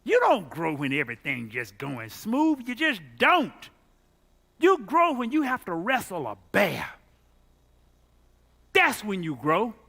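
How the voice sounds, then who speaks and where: A male pastor delivers a sermon with a bright, forward voice. His pitch leaps all over the place, from low, murmured asides to high, loud outbursts. He preaches as a storyteller, with a lot of drama. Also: huge pitch swings, slow, vocal fry, pauses often.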